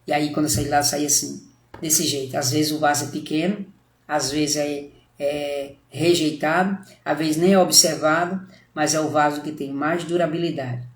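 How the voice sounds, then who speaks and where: A man's voice: fairly high pitch, fairly even intonation, normal speed, roomy sound. A man with a Brazilian Portuguese accent, a pastor preaching a sermon on a live stream, telling a story with acted-out dialogue and exhorting his listeners.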